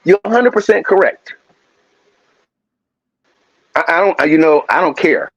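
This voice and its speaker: A man talking on a live call whose audio keeps breaking up into gaps, speaking haltingly with repeated words and restarts. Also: fairly high pitch, animated, no room sound. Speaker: call-in guest. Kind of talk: casual chat on a live call. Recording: dull lo-fi call line.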